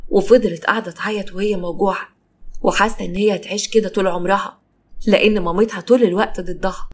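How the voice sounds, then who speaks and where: A woman with an Egyptian accent narrating a story in a steady storytelling manner. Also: medium pitch, quick pace, slightly rough. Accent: Egyptian Arabic.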